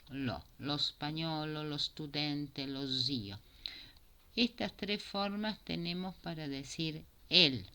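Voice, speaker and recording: Woman, unhurried recorded language lesson, low voice. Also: bright, forceful tone. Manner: slow, explanatory, mixing Italian and Spanish. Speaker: Italian teacher. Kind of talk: recorded grammar lesson for Spanish speakers.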